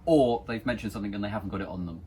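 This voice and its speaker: A man co-hosting a magic product review, speaking in a measured, conciliatory way, recorded on a phone set on a tripod. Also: fairly low pitch, warm tone, a little hiss or hum. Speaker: magic shop review co-host. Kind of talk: casual review chat.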